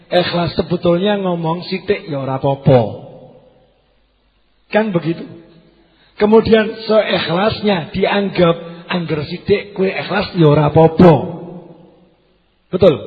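A man with a Javanese accent preaching a sermon in a soft, quiet voice, often asking the audience questions. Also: on the high side, in a large hall, muffled recording. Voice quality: softened, quiet voice. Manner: questions the audience, mixes local words.

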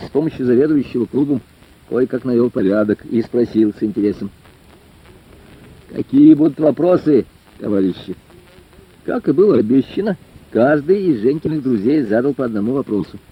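A man narrating a story in an expressive, ironic storytelling manner, on a dull lo-fi recording. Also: medium pitch, a little fast, breathy edge. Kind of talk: audiobook narration.

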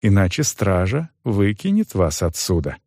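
Unflappable steward, male narrator voicing, mild, dry and slow, audiobook. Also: fairly low pitch, no room sound, full character voice. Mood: calm smug. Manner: calm, mild, melancholy. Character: unflappable middle-aged male estate manager, smug.

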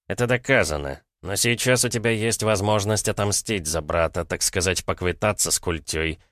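A man's voice: sits low, normal speed, fairly bright tone, dry recording, studio quality. A man reading a harsh, mocking interrogator captain. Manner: blunt, mocking, pressing.

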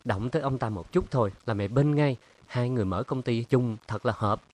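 A man voicing a sharp-tongued young woman in an audiobook, teasing and sarcastic in tone. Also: on the low side, animated, brisk. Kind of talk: audiobook character reading.

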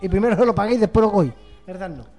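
Man, podcast co-host, relaxed storytelling, higher voice, faint music behind. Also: rapid-fire. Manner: relaxed, chatty, quotes people while telling stories. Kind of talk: casual chat, storytelling.

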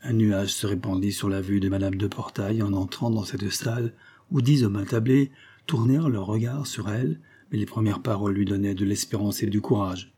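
Dark, husky male audiobook narrator. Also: on the low side, steady tone. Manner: measured, literary reading. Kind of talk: audiobook narration of a historical story.

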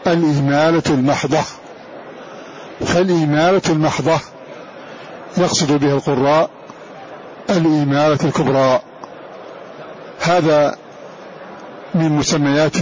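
Male recitation teacher, slightly high voice, slow explanatory lecture, dull recording with faint background hiss. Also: a little mellow. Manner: deliberate, repeats each term for students. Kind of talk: classroom lecture.

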